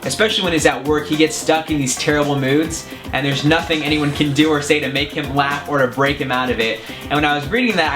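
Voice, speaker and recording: A man's voice: a little high, fairly bright tone. A man hosting a casual advice vlog, talking in an earnest, chatty way with frequent restarts. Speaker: self-help vlogger.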